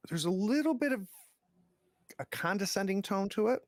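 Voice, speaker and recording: A man's voice: sits high, lively intonation, moderate pace, dry recording. A man hosting a tabletop roleplaying game as game master, narrating and explaining in a casual, conversational way.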